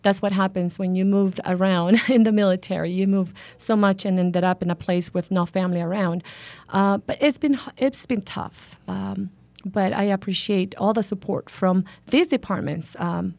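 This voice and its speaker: A woman's voice: mid-range voice, moderate pace, gravelly, a little mellow, no echo. Earnest woman from Honduras, dry sound. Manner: earnest, hesitant with many fillers. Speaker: guest, foundation founder. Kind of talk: radio interview.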